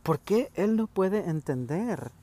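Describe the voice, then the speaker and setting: A man's voice: high voice, animated, takes it slowly, warm tone, pitched above the performer's own voice, exaggerated voice. A man voicing a desperate teenage boy who pleads in a strained voice, fighting back tears. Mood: tearful pleading. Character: desperate teenage son, angry then tearful.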